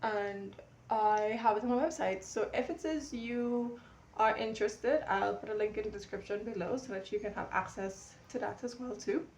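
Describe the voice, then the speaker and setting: With slight noise in the background, a woman speaks at a moderate pace in a mid-range, somewhat mellow voice. She's a vlogger and dressmaker chatting to a tripod camera in her home studio, rambling with fillers and restarts, and sounding a bit stuffed up, like she has a cold.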